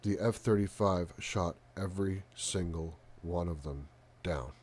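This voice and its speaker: Soft-spoken man with a very low voice. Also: slight background noise. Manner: halting, frequent pauses and ums. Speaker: live talk show host. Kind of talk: live stream commentary, casual.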